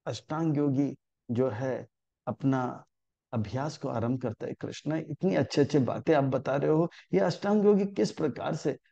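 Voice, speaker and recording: A man giving a spiritual lecture, telling stories and chanting verses slowly, on a dull lo-fi recording. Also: mid-range voice, creaky, dark tone, no echo. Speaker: spiritual teacher. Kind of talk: Gita lecture.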